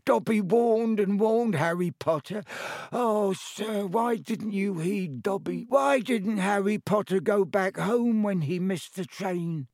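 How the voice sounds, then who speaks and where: A man's voice: high-pitched, slow, creaky, a little mellow, no echo, studio quality, voice pushed up, full character voice. A man voicing a small, miserable male house elf who speaks in a servile, pleading way. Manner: pleading, servile, says "sir" often.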